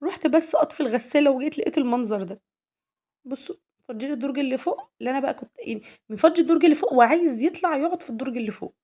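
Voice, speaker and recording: Egyptian woman, young adult, home vlog, very fast chatty talk, mellow voice. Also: sits high. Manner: chatty, addresses viewers as girls, asks their opinion. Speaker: homemaker vlogger.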